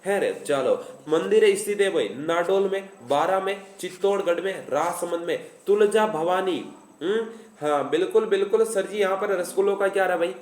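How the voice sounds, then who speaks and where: Man, Rajasthani accent, exam-prep teacher, high voice, playful, repetitive, echoey room. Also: normal speed, darkish tone. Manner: playful, repeats lines, plays students' answers himself. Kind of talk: live online class.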